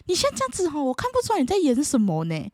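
A woman's voice: high voice, huge pitch swings, very fast, a little mellow, no room sound, clean studio sound, pitched above the performer's own voice. A woman voicing a nosy, pushy older relative who talks in an exaggerated, bossy way.

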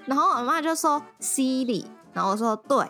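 A young woman with a Taiwanese Mandarin accent, co-hosting a podcast, telling a story in a lively way and often laughing. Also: high voice, quick pace, soft background music. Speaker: podcast co-host. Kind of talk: casual chat.

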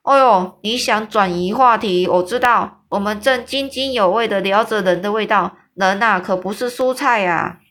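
Woman putting on a huge loud male giant, teasing, boisterous, booming exclamations, raised voice, storybook reading. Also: lively intonation, moderate pace.

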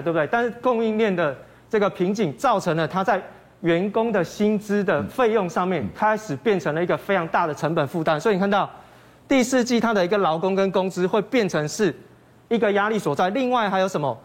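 High-pitched, fast-talking Taiwanese male market analyst. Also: lively intonation. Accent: Taiwanese Mandarin. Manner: explains step by step, posing and answering questions. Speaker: financial analyst guest. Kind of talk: explanatory market commentary.

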